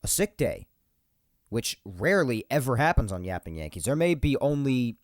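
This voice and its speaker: With a mid-range, sing-song voice at moderate pace, a young man from New York hosts a casual solo podcast, recorded dry and clean in the studio on a podcast mic. He sounds mildly nasal and stuffed up from a cold, rambling, repeating himself, and laughing between points.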